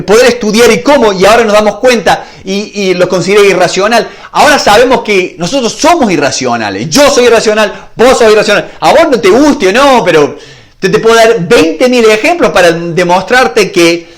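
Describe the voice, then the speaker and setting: A man with a Rioplatense Spanish accent, a negotiation coach talking casually to viewers and acting out bits of dialogue. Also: sits high. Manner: chatty, acts out quoted dialogue. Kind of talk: casual video talk to viewers.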